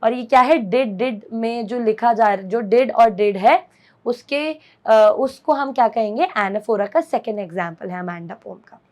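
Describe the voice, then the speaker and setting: A woman's voice: fairly high pitch, measured pace, muffled recording. A woman teacher, mixing Hindi and as she explains a poem simply and keeps asking her students questions. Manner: explains simply, often asks the class questions; mixes Hindi and English. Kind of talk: classroom poetry lesson.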